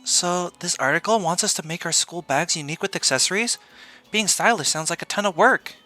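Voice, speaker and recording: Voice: medium pitch, a little fast, sharp tone, soft background music, natural voice. A streamer voicing a bubbly, trendy teenage girl in a game story, with perky, upbeat delivery. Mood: chirpy.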